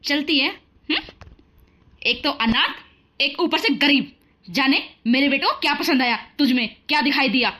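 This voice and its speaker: A woman's voice: sits high, animated, moderate pace, pushed and bright. A woman voicing a harsh older mother-in-law in a cartoon story, scolding and taunting. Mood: scornful.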